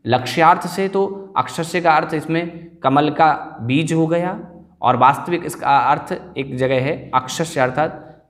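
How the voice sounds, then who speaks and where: Slow, careful male scripture teacher. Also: on the high side, fairly bright tone. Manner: slow, careful, repeats words for pronunciation. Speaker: religious teacher. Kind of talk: scripture recitation class.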